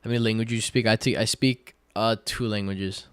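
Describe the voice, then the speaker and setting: A twenty-year-old man livestreaming, reading viewer questions aloud and answering in relaxed, slangy chat full of fillers. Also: lowish voice, fairly quick, smooth, no room sound. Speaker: day-trading livestreamer.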